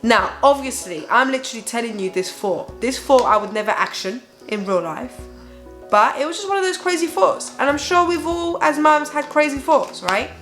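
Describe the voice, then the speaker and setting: A woman's voice: sits high, expressive, normal speed, fairly bright tone, faint music behind. A young woman, an exhausted mother, chatting candidly and emphatically to her viewers about her feelings, checking in with them as she goes. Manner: exhausted, weary parent venting candidly. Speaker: parenting vlogger and host, mother of a baby. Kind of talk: casual confessional chat to viewers.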